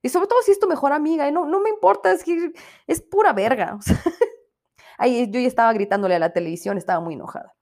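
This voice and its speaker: A woman's voice: high voice, fast, darkish tone. A young woman with a Mexican accent hosting a casual podcast review, ranting irreverently with plenty of swearing and mimicking people she talks about. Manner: mimics others in put-on voices. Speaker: podcast host reviewing a series.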